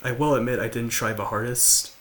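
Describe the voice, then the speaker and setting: A young man in his late teens with a slight lisp, talking quietly and haltingly to the camera at home. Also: mid-range voice, fairly even intonation. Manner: halting, with many fillers and restarts. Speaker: vlogger. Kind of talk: confessional talk to camera. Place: large house, indoors.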